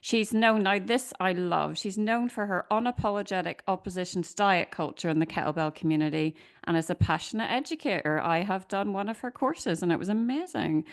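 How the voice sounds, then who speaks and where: A woman's voice: medium pitch, brisk, few pauses. A woman with an Irish accent co-hosting a podcast, upbeat and chatty as she introduces her guest. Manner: upbeat and chatty, reading a bio aloud. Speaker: podcast co-host. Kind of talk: casual interview conversation.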